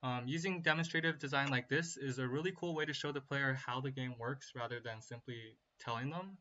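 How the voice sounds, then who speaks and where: A man's voice: mid-range voice, fairly quick, pushed and bright, dull audio. A man lecturing in an explanatory, semi-casual way, like a tutorial class talk.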